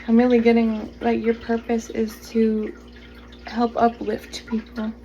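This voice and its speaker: Soft, gentle woman reading tarot. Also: on the high side, lo-fi sound, slight background noise. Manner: gentle, slow and reassuring, with drawn-out words. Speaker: tarot reader. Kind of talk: channeled tarot reading to the viewer. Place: home, pets nearby.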